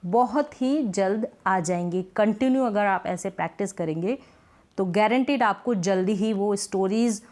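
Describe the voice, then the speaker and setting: A woman's voice: medium pitch, moderate pace, darkish tone. A woman teaching beginners to read English, patiently repeating each point and asking herself rhetorical questions. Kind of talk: explaining phonics lesson in Hindi.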